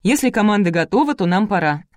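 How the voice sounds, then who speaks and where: A woman's voice: medium pitch, expressive, moderate pace, darkish tone, no echo, studio quality, lightly acted. A woman voicing a bossy middle-aged uncle in an audiobook, commanding and folksy.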